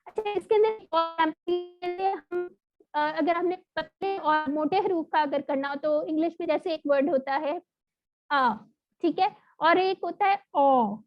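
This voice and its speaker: A woman teaching an online recitation lesson, explaining patiently and sounding out letters slowly. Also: very high voice, soft background music. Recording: dull lo-fi audio.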